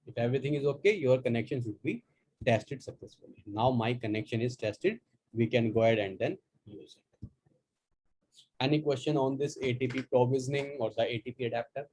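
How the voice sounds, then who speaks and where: A man instructing an online class, explaining software steps at a relaxed pace with fillers. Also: medium pitch, a little fast, breathy edge. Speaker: course instructor. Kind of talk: live online class walkthrough.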